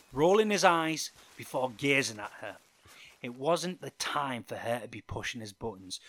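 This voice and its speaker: A man reading a first-person story aloud as scripted narration, with an expressive delivery. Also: medium pitch.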